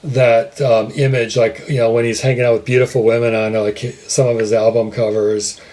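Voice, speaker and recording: A man co-hosting a podcast, speaking in a relaxed, measured way while reading out facts. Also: mid-range voice. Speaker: podcast co-host. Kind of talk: casual chat.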